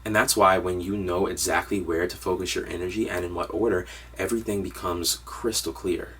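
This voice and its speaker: A man's voice: low-pitched, steady tone, brisk, a bit bright, far from the mic, slight background noise. A man giving an upbeat, direct online lesson on piano harmony. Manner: upbeat, direct instructional delivery. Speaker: music teacher.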